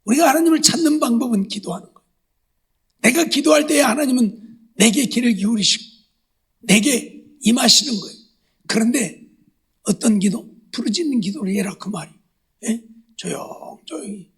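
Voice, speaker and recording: A man preaching a sermon at a Friday prayer meeting, acting out the voices he quotes and swinging from hushed asides to loud exhortation. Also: very high-pitched, lively intonation, normal speed, long pauses, husky. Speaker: pastor. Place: church sanctuary.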